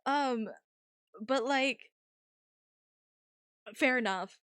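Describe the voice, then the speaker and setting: High-voiced woman chatting on a livestream. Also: very slow, a bit bright, clear, resonant tone, no echo. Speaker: livestream host. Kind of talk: casual chat with livestream viewers.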